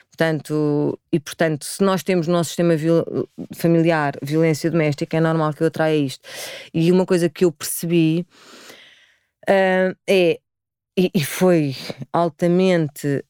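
Portuguese woman in her 40s, guest on a podcast, chatty and animated, smooth clear voice, dry close sound. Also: sits low, dry recording. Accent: European Portuguese. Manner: expressive, animated storytelling with frequent laughs. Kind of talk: casual chat.

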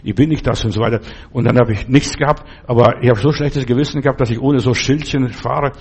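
A man's voice: mid-range voice, fairly even intonation, quick pace, darkish tone, husky. A man preaching a sermon, speaking emphatically and addressing the listener directly with repeated questions.

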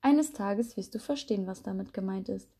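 Woman voicing an elderly grandma spider, soft, slow, tender, mellow, storybook. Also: mid-range voice, breathy edge. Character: gentle elderly grandma spider, wise and loving.

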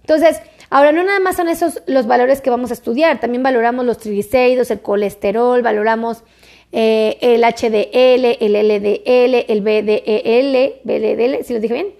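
A doctor who makes health videos talks casually and directly to the camera, chatty and repetitive as she coaxes her viewers along. Her voice is a little high and warm, at a normal speed.

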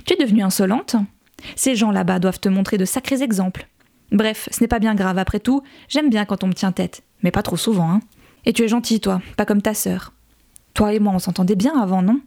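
A woman's voice: mid-range voice, a little fast, darkish tone, natural voice. A woman reading the lines of a coarse, menacing middle-aged father who speaks with blunt contempt and false friendliness. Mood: mocking.

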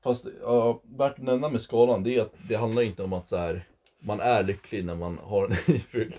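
A man's voice: fairly low pitch, fairly even intonation, dark tone. A young man co-hosting a casual podcast chat, laid-back and argumentative, laughing often, on a dull lo-fi recording. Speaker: podcast co-host. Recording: dull lo-fi sound.

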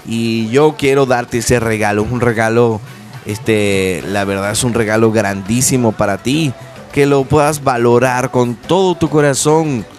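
A man's voice: medium pitch, fairly even intonation, a little slow, soft background music. A man preaching a radio sermon, earnestly urging his listeners in direct address.

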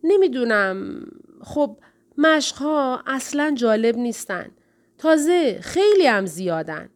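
A woman voicing a young boy who is anxious and reluctant about his homework, answering in hesitant, slow-starting replies. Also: sits high, voice pushed up.

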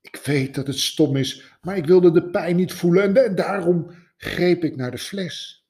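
Man voicing a sobbing middle-aged widower, halting, repeated words, strained high voice. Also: creaky, darkish tone.

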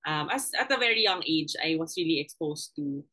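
A young Filipino woman with a Filipino accent, speaking earnestly and reflectively as an interview guest, with frequent pauses and fillers. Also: sits low, lively intonation, sharp tone, breathy edge, poor audio. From Philippines. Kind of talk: conversational interview.

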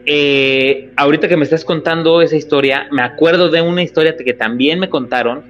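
A man with a Mexican accent, a radio host telling an anecdote in casual, animated chat. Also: on the high side, fairly quick. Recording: slightly muffled radio recording.

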